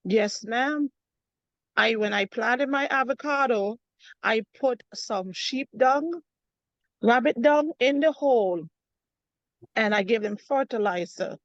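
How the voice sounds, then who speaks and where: A woman with a Kittitian accent and a fairly high voice speaks up in an online class. She is insistent and matter-of-fact. The sound is dry and slightly dull, like a call. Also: a little slow, dry recording. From Saint Kitts. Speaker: course participant, fruit grower. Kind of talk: live question-and-answer on an online class.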